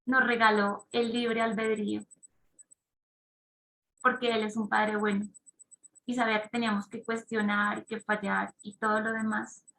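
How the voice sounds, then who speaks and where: A woman's voice: fairly high pitch, creaky, fairly bright tone, roomy sound, rough recording. A woman giving a conversational talk to parents, explaining ideas step by step and checking in with her listeners through questions.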